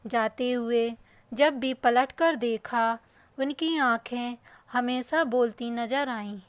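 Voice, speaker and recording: A woman narrating an emotional family story in the first person, in a slow, soft and sorrowful reading. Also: fairly high pitch, clear, resonant tone, no room sound.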